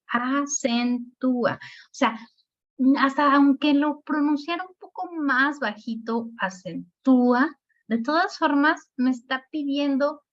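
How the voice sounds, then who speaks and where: A woman with a Mexican accent teaching a spelling lesson, explaining patiently and drawing out words slowly to show the stress. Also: high voice. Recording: dull lo-fi recording.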